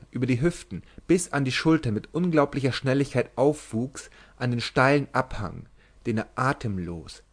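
A man reading a romantic literary tale aloud in measured narration, lightly voicing the lovers' dialogue. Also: medium pitch. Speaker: audiobook reader. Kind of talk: scripted narration.

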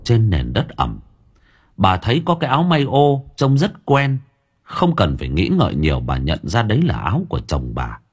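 A man narrating a spooky village story dramatically, dropping to hushed lines and rising again. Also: huge pitch swings, normal speed, husky. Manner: dramatic, swinging between hushed low lines and raised ones. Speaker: audiobook narrator.

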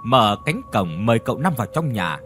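A man's voice: medium pitch, a little fast, faint music behind. A man telling a scripted ghost story and reading every role with expression. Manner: expressive reading of all roles.

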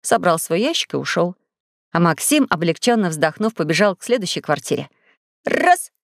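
A woman narrating a children's audiobook in a clear, even reading voice into a studio microphone. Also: on the low side, a little fast, no room sound. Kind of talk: scripted storybook narration.

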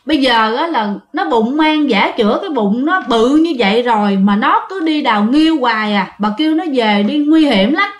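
A woman's voice: high voice, animated, normal speed, hardly any pauses. Woman doing a sobbing ghost of an old drowned man, Southern Vietnamese accent, pleading, echoey room. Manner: crying, pleading.

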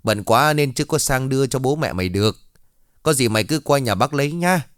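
A man's voice: medium pitch, expressive, a little fast, no echo, studio quality, pitched above the performer's own voice, lightly acted. A man voicing a kindly, chatty older village man who worries easily. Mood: friendly.

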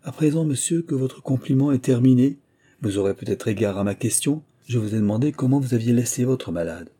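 A man's voice: mid-range voice, expressive, brisk, warm tone, close to an everyday voice. A man voicing a reserved young woman who presses firmly and pleads for a straight answer, in an audiobook. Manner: firm, pleading.

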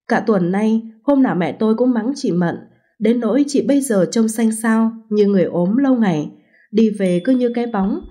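A woman narrating a first-person story as an audiobook, in an even, unhurried way. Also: medium pitch, breathy edge.

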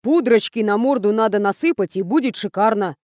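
A woman's voice: medium pitch, animated, fairly quick, darkish tone, dry recording, studio quality, natural voice. A woman voicing a timid male camera operator with a bad cold, who speaks through his nose. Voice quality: nasal, stuffy. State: sick with a cold.

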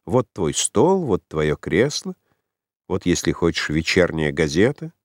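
A man reading the lines of a contented, tender woman in an audiobook, in a soft, lazy manner. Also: low-pitched, very animated, measured pace, no room sound, studio quality.

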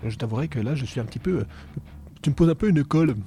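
A man's voice: on the high side, expressive, racing, mellow. A man co-hosting a casual podcast chat, talking with many hesitations and fillers. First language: French. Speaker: podcast co-host.

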